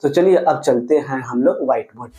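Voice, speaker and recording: A man's voice: medium pitch, a little fast, dark tone, soft background music, low-quality recording. A man teaching chemistry, asking questions and answering them himself. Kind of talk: classroom lecture.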